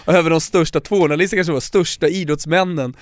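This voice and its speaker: A man's voice: fairly high pitch, fairly even intonation, no echo. A man co-hosting a casual podcast chat, laughing often and swearing casually. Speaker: podcast co-host.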